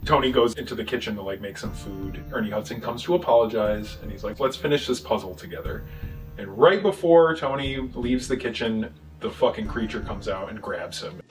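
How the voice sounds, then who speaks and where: A man casually recapping a movie plot, swearing and joking, with quick voices for the characters. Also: on the low side, far from the mic, faint music behind, rough recording. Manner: profane, jokey retelling with quick voices for characters. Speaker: podcast co-host.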